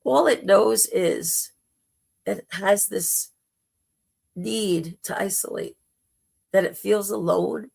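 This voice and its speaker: Spiritual livestream host: very gravelly, hoarse voice, informal and gently encouraging delivery. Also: mid-range voice, takes it slowly, long pauses. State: temporarily hoarse.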